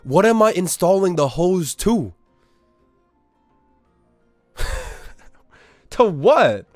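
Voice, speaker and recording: A man's voice: high voice, very animated, very slow, dry recording, soft background music. A young man, ranting in a casual, profane way at his live-stream chat. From Australia. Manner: incredulous, profane, exaggerated ranting.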